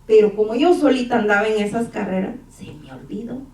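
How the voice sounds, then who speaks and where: In a church hall, a middle-aged church speaker shares a testimony sermon, voicing the dialogue as she tells her story. She sounds warm, on the high side, and fairly quick. The echoey room is captured from a distance.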